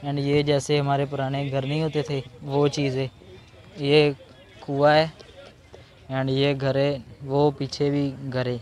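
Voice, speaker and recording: In an open school ground and park, a twenty-something man from Punjab chats chummily to his camera, held at arm's length, for a casual vlog. His mid-range voice is slow, monotone, and somewhat dark in tone.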